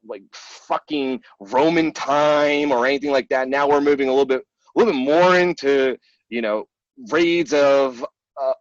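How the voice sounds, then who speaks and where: A man's voice: medium pitch, dry recording, highs cut off. A man hosting a casual gaming debrief, speaking in a blunt, informal, chatty way. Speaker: host.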